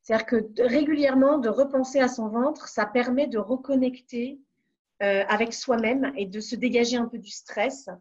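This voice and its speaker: A woman from France giving calm advice as a webinar coach, pausing on fillers and restarting her phrases. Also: fairly high pitch, dull audio. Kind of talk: online webinar talk.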